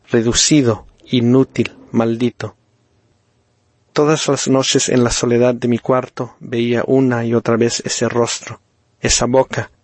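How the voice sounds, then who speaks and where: A man from reading a first-person story slowly and deliberately, with dry irony. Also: medium pitch, darkish tone, dry recording. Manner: slow, deliberate, ironic storytelling. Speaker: narrator.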